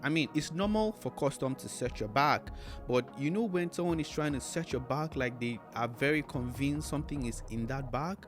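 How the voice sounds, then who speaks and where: A man's voice: mid-range voice, normal speed, music in the background. Man telling a travel story. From Nigeria. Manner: earnest, conversational, fond of "like" and "you know". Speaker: travel vlogger host. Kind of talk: casual personal storytelling to camera.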